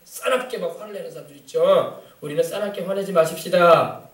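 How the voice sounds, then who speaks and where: A man preaches with quick, urgent emphasis, prodding his listeners with rhetorical questions. His voice sits high for a man and rings through an echoey sanctuary. He is heard from some distance from the mic. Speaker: pastor. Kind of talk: sermon. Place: church sanctuary. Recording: echoey church from far off.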